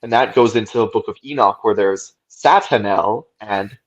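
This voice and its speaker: Speaking at a normal speed in a lowish voice, a podcast co-host works through ideas at length, captured with lo-fi sound. His casual, thoughtful explanations are dotted with frequent "right?".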